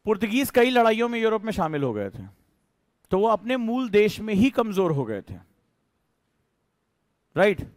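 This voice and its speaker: Guy teaching history, chatty, quizzes the class, kinda high voice. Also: very animated, moderate pace, long pauses, no echo. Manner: explains in a conversational way and asks the class questions.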